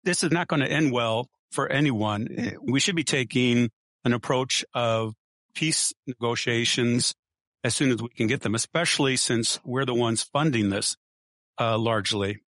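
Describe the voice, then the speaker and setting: A man's voice: medium pitch, normal speed, a bit bright, dry recording. A man arguing politics as a guest, pushing his points and running through statistics. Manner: argumentative, runs through statistics. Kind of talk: casual political debate.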